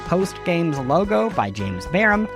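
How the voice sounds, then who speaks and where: This podcast host has a fairly high, sing-song voice and talks a little slowly. Music plays underneath as he delivers scripted news and show notes with a wry, chatty tone.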